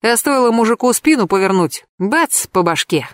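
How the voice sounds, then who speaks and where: A crude, suspicious young man yelling accusations in a jealous rage, as a woman puts him on. His voice runs a little higher than a plain male voice, and the storybook recording is close and dry. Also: lively intonation, moderate pace, no room sound, natural voice. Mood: angry. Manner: shouting accusations.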